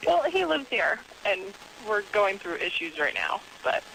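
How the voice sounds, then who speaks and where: A woman's voice: medium pitch, sing-song, unhurried, creaky, fairly bright tone, slight background noise. A woman in her early twenties calling in to a radio show over the phone, hesitant and trailing off her answers. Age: early 20s. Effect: caller heard over a phone line on a radio show. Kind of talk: casual call-in chat.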